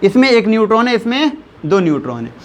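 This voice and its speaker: High-voiced man teaching chemistry. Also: big pitch swings. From India. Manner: repeats key terms and quizzes listeners with questions; slows down to spell out values step by step. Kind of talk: classroom chemistry lesson.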